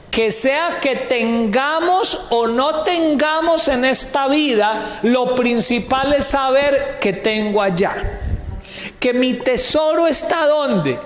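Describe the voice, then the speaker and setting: High-voiced pastor preaching in an echoey hall. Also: male voice. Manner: asks the congregation questions and answers them himself; keeps addressing listeners as "brother". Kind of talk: sermon. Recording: echoey hall with long reverb, faint noise.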